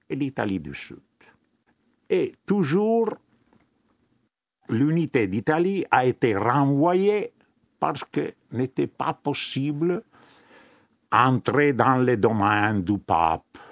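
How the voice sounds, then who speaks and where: Slow, animated Italian-accented man. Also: mid-range voice, dry recording. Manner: emphatic, halting with fillers. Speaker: historian interviewee. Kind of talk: interview explanation.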